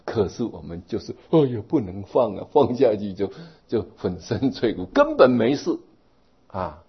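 A man giving a Buddhist dharma talk, animated and storytelling, drawing out particles at phrase ends, in a dull lo-fi recording. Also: fairly low pitch, a little slow, breathy edge. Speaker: Buddhist teacher.

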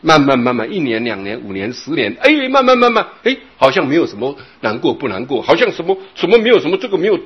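Husky guy preaching a dharma talk, voice goes up and down a lot, kinda high. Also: big pitch swings, fast talker, hardly any pauses. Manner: expounding, drawing out particles, repeating phrases. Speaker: Buddhist teacher. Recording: dull lo-fi recording.

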